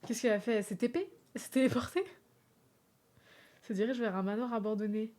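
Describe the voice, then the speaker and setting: A young woman streaming live, chatting casually with her viewers, animated and laughing often. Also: a little high, fast talker. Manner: animated, laughs often, talks straight to chat.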